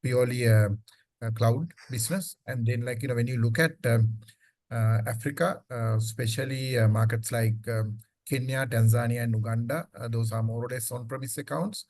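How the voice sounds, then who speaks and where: A man with a medium-pitched, slightly mellow voice talks at a moderate pace with fairly even intonation and no room sound. On an unscripted business earnings call, he speaks as a company executive, answering questions off the cuff in a conversational way and often saying "like, you know."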